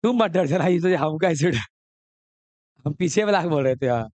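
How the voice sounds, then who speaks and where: A man's voice: a little high, animated, moderate pace, a little mellow, no echo. A man teaching a chemistry class, coaxing and scolding students while mixing with English. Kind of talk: classroom lesson.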